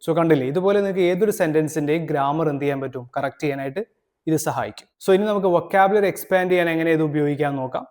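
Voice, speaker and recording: A man from Kerala hosting a language tutorial, explaining steps steadily and reading his English prompts out slowly. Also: a little high, a little mellow. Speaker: English teacher, channel host.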